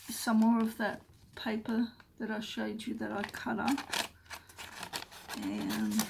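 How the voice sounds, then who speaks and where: A woman talks slowly and casually through her craft pages, rambling and sometimes dropping to a murmur. Her voice sits a little high with a gravelly fry. Clear background noise and paper crinkling are heard under her. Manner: chatty, rambling, often trails into soft murmurs. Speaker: craft vlogger. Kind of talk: casual show-and-tell. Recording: noisy room with paper crinkling.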